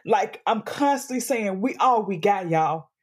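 A woman's voice: medium pitch, lively intonation, unhurried, husky. Earnest preacherly woman guest. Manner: earnest, emphatic, preacherly cadence. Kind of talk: candid faith-based interview talk.

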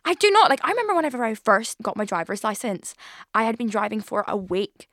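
A chatty young woman in her twenties rambles through a casual solo podcast, full of fillers and swearing. Her voice sits a little high, and the studio recording is close and dry. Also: very animated, fast talker, a bit bright, dry recording. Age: 20s. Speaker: podcast host. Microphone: studio mic.

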